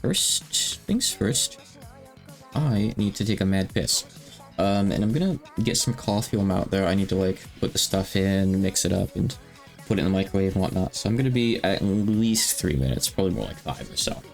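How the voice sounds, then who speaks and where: A man's voice: deep voice, moderate pace, gravelly, soft background music. A man in his thirties chatting casually on a livestream, rambling and self-deprecating with lots of fillers. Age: 30s. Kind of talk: casual stream chat.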